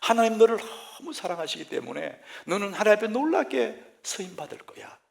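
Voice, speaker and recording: A gentle teacher speaks softly and hopefully to a shy child, voiced by a male pastor mid-sermon. His voice rises and falls with feeling and carries a gravelly grain. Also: sits high, very animated, brisk, pitched above the performer's own voice, full character voice. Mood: tender. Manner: tender, encouraging.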